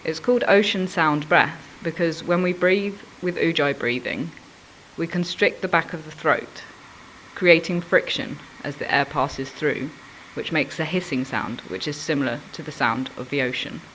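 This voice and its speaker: A man giving an instructional explanation of a breathing exercise in measured, explanatory phrasing. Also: fairly high pitch, bright, forceful tone, a little hiss or hum, poor audio.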